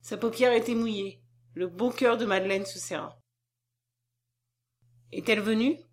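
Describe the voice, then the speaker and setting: A woman narrating a classic novel in a steady, measured storytelling voice. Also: mid-range voice. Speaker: audiobook narrator.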